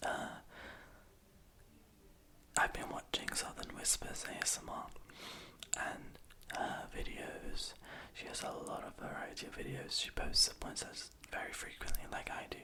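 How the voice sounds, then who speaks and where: A young adult speaking in a soft, breathy, unvoiced whisper, rambling hesitantly and self-deprecatingly to the viewer in an ASMR style. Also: a little slow. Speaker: ASMR video creator. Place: small room in a house at night.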